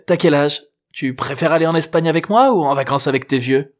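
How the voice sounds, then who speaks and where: A man's voice: on the high side, a little fast, voice pushed up, lightly acted. A man reading an audiobook voices an awkward middle-aged man who hesitates and stammers. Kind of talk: audiobook character voice.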